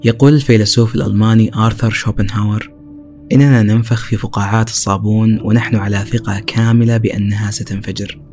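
Low-voiced man narrating a podcast. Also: flat delivery, fast, darkish tone, soft background music. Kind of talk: scripted narration.

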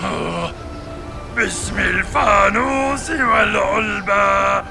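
A man voicing a dim-witted, wrathful giant demon in a children's audio story, gravelly and bellowing in slow groans. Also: high-pitched, music in the background, exaggerated voice. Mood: eager, dim. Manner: speaks of himself as the master in slow, bellowing groans.

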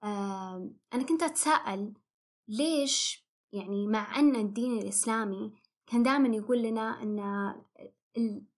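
A woman talks through advice on her solo podcast. Her voice sits a little high and slightly husky, and she speaks quickly. She is reflective and often breaks off to restart a phrase. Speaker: podcast host.

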